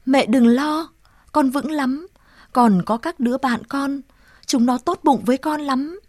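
A woman's voice: sits high, unhurried, darkish tone, no room sound, clean studio sound. A woman reading aloud and voicing an earnest young boy who cares for his sick mother, in a raised, eager tone.

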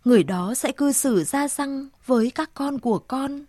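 A woman's voice: sits high, expressive, moderate pace, dark tone, no echo, clean studio sound. A woman voicing a grieving old grandmother. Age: older. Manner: sobbing, tender, murmuring to the dead. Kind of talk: storybook reading.

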